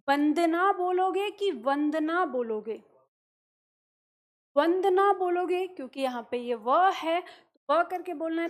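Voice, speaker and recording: A woman with a high voice teaches a classroom grammar lesson. She explains patiently, asks her students questions and then answers them herself, and she sounds out each letter slowly to demonstrate it.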